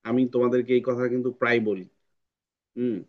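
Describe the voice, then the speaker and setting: A man's voice: medium pitch, steady tone, brisk, lo-fi sound. A man teaching an online English phonics class, patiently repeating words for drilling. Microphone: video call.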